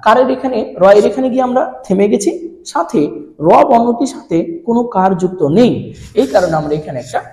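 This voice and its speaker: A man's voice: very high voice, animated, fast, a little mellow. A male teacher giving a pronunciation lesson to students, asking questions and repeating each answer as a drill. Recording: roomy with long reverb.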